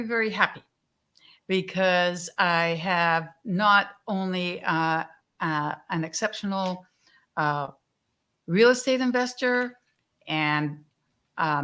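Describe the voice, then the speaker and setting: A woman hosting a live stream interview, gushing with praise and often pausing with fillers. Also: on the low side. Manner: effusive, warm praise, many fillers. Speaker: host. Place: live stream video call.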